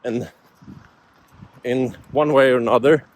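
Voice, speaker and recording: Unhurried and steady, with a medium-pitched voice, a young Swedish man in his 20s speaks to camera in a casual vlog. A native Swedish speaker, he thinks aloud about life and goals in a reflective, self-motivational way.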